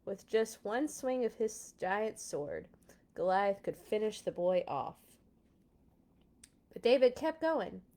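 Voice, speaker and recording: Female children's read-aloud host: unhurried, expressive, playful, informal. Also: mid-range voice. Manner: dramatic, playful sound effects. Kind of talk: expressive storybook reading with casual asides.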